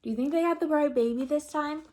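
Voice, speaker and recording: A woman reading a picture book aloud to children like a teacher, stopping to ask the listeners questions and have them make predictions. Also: high-pitched. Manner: slow and expressive, asking children questions. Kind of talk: children's read-aloud storytime.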